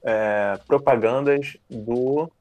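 A man's voice: mid-range voice, drawn-out words, darkish tone, no echo. A man co-hosting a casual podcast, laid-back, explaining things at length. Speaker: podcast co-host.

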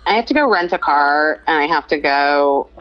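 A woman co-hosting a podcast in casual chat, talking over a headset from a remote call, animated and full of "like". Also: low-pitched, moderate pace, dull audio. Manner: chatty, animated, lots of "like". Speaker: podcast co-host.

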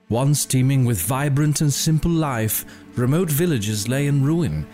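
A man reads a scripted story in a measured, dramatic way. His voice sits at an ordinary middle pitch, and faint music plays behind him. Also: a little mellow. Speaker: narrator. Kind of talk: scripted narration.

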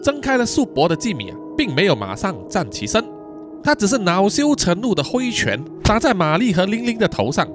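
Music plays behind a high-voiced man who hosts a thriller podcast. He tells the story in a lively, dramatic way, drawing out his particles.

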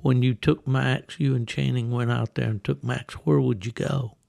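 A man hosting a conversational interview, explaining things for listeners in an unhurried, scene-setting way. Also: mid-range voice, fairly even intonation, creaky, darkish tone. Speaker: podcast host.

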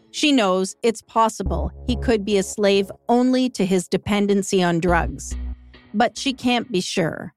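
A woman narrates a true-crime podcast in a measured, steady voice, reading from a script. Clear music plays under her. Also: mid-range voice.

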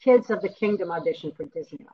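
A woman's voice: on the low side, fast, slightly rough. Chatty woman in her sixties, dull audio. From Wisconsin, USA. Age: 60s. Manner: chatty, animated storyteller. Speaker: guest, dancer. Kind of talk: interview storytelling.

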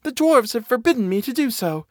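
A cautious, innocent young girl voiced by a male narrator speaks high and light, earnest in every word. The recording is close and dry. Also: very animated, a little fast, dry recording. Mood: wary.

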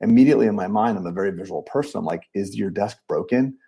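A man in his late forties, a dentist guest talking in an animated, emphatic way on a podcast. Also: fairly low pitch, fast, creaky, slightly rough. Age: 40s. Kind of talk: casual podcast conversation.

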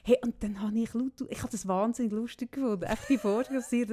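A woman with a Swiss German accent chatting casually, telling everyday anecdotes with lively acted-out dialogue. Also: a little high, quick pace, slight background noise. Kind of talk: casual chat.

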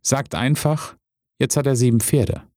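A man voicing a calm, wise old farmer who speaks in a measured, unhurried way. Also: medium pitch, no room sound, studio quality, pitched above the performer's own voice, close to an everyday voice. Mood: patiently firm.

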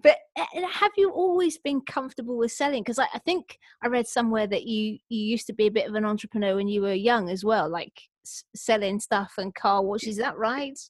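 A woman's voice: on the high side, brisk, few pauses, no room sound. A woman hosting a conversational interview, asking questions in an encouraging, agreeable way. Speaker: podcast interviewer.

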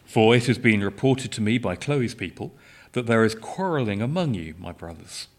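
Lowish-voiced man reading scripture. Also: lively intonation. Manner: measured, solemn reading. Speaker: scripture reader. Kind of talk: formal Bible reading.

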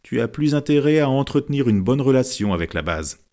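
A man voicing a modest, shrewd literature teacher who reads fortunes from written characters, speaking calmly and explaining. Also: medium pitch, fairly quick, pitched above the performer's own voice, natural voice. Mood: knowing.

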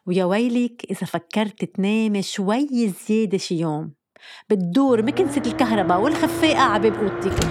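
A woman's voice: on the high side, noisy background. A woman with a Lebanese accent delivering a wry, teasing comedic monologue.

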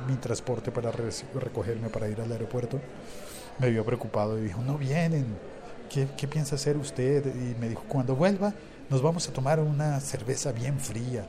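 A man hosting a podcast, reading listener comments and telling a travel story with teasing banter. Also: medium pitch. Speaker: podcast host. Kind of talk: casual podcast chat.

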